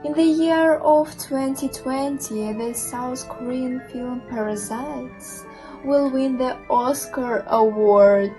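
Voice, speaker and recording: Woman doing a mystical fortune teller, slow and solemn, mellow dark voice, faint music behind. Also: high voice, poor audio. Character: mysterious theatrical female fortune teller.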